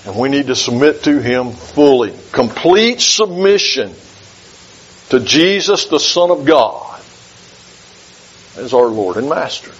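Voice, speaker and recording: A man preaching a sermon in a measured, emphatic way, repeating key phrases for weight. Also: mid-range voice, very animated, breathy edge. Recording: dull lo-fi recording.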